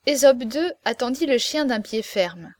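A woman reads a classic novel aloud with lively, expressive storytelling. Her voice sits a little higher than most. The sound is dry and close, with no room echo. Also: measured pace. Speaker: narrator. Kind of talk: audiobook reading of a classic novel.

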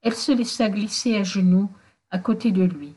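A woman narrating a novel in a measured, literary reading. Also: medium pitch, mellow, slightly rough. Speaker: audiobook narrator.

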